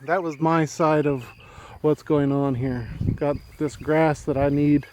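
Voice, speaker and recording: Here the homesteader's voice runs on the high side yet darkish, moving little in pitch and coming out slowly. He's a bit out of breath during his meandering, relaxed walk-through of the rural property, with slight background noise behind him.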